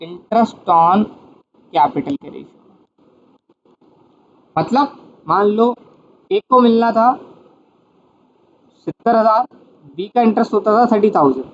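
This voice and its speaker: A high-voiced man teaches an accounting lesson, asking his own questions and answering them one step at a time. The recording sounds dull and lo-fi, with a faint hiss under it. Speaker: commerce teacher.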